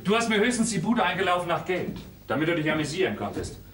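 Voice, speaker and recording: An actor playing an exasperated, blustering young lodger in a stage comedy, heard from afar on an echoey stage. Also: male voice, high voice, very animated, quick pace, a bit bright, distant mic, slight background noise. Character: exasperated young lodger trying to end an affair. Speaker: Fred, furnished-room lodger.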